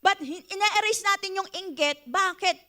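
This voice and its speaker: A young Filipino woman preaching with a high, bright voice. She is lively and playful, laughing often and calling out to the congregation. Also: normal speed. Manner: animated, playful, laughs often, asks the crowd "Hello?". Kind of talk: Taglish sermon.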